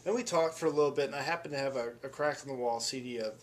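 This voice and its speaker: A man's voice: mid-range voice, rapid-fire, a little hiss or hum. A man who vlogs and plays music tells a story in a casual, rambling, enthusiastic way, restarting his sentences often. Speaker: vlogger and musician.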